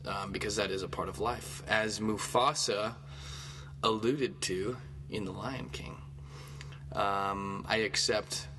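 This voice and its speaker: A man's voice: on the low side, steady tone, slow pace. A man hosting a casual comedy podcast, rambling and joking at his own expense from inside a small clothes closet. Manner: rambling, self-mocking joking. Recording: small closet room, clear background noise and hum.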